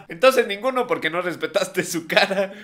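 A man's voice: high voice, bright, forceful tone. A young man doing sarcastic reaction commentary as host, often laughing. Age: young adult.

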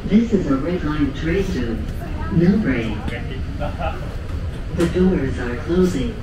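A man's recorded announcement voice played over a train's loudspeaker, speaking in slow, measured, evenly spaced phrases. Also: animated. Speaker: automated transit announcer. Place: inside a moving commuter train car. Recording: echoey loudspeaker far from the mic, loud train noise. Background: loud rumble of the train.

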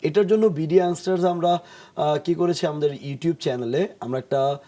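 A man appearing as a studio guest on a TV talk show, explaining English pronunciation patiently, acting out jokes and pausing often with hesitation sounds. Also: fairly high pitch, dark tone.

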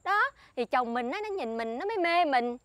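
A bossy, boastful flirt. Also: female voice, high-pitched, big pitch swings, normal speed, fairly bright tone, no echo. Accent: Southern Vietnamese. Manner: bossy, showy, lectures her friend. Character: boastful scheming woman friend, flirty. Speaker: actress in a comedy sketch.

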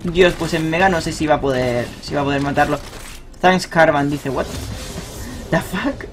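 A young man giving live, excitable commentary on his own ranked game, swearing and cheering at big plays. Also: on the high side, moderate pace, faint music behind. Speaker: gaming streamer.

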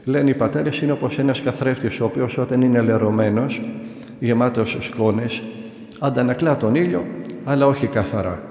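A gravelly older male monk gives a calm sermon and tells stories in a measured voice, pausing often. His voice rings in a roomy hall with a long reverb tail. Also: mid-range voice. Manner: calm storytelling teaching, paced with pauses. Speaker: monastic elder.

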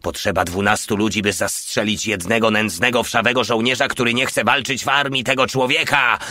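A man's voice: on the low side, steady tone, brisk, dry recording, clean studio sound. A man voicing a raving shell-shocked soldier. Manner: yelling, frantic. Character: panicking, raving male soldier in battle shock.

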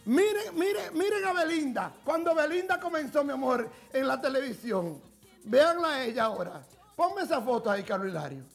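A man playing a flamboyant gossip queen hosts a comedy TV segment, all camp theatrics and endless endearments. The voice sits high with a gravelly fry, and soft music plays faintly under it. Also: sing-song, normal speed, heavily acted. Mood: gossipy. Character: flamboyant gossipy woman TV presenter. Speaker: comic TV gossip presenter.

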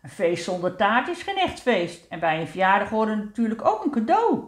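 A woman's voice: mid-range voice, big pitch swings, a little fast, reverberant, lightly acted. A woman voicing a kind, motherly aunt tree with a sing-song, caring manner.

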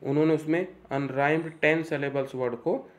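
A man giving an exam-prep literature lecture, reading English lines slowly, explaining them, and asking and answering his own questions. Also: fairly high pitch, fairly even intonation. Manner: reads English lines slowly, then repeats key terms.

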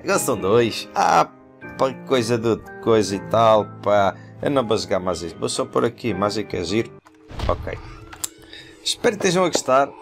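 A man with a European Portuguese accent giving live horror game commentary, full of panicky exclamations and rapid repeated words. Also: medium pitch, gravelly. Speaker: gaming video creator.

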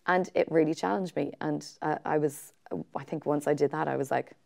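An Irish woman in her thirties, a TV presenter chatting on a studio sofa in an interview, telling stories with lively acted quotes. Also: sits low, fairly quick, vocal fry. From Ireland. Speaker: guest presenter. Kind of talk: casual interview chat. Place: small studio set with sofas.

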